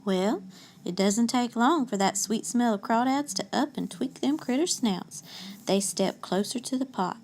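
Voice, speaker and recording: A woman reading a children's picture book aloud in a slow, playful, folksy way, asking her young listeners questions. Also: a little high, a little mellow, slight background noise. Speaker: storyteller.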